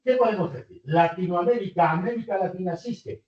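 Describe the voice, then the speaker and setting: Older professor lecturing in a hall. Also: male voice, high voice, a little fast. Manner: lively, rhetorical questions to the audience. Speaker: university professor. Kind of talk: university lecture. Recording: distant, roomy, muffled lecture hall recording.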